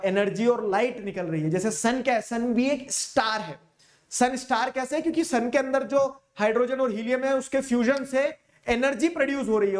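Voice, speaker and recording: A man teaching a geography lecture in a casual, chatty way, often stopping to check that listeners follow. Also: extremely high pitch. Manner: keeps asking listeners if they follow. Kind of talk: explanatory lecture.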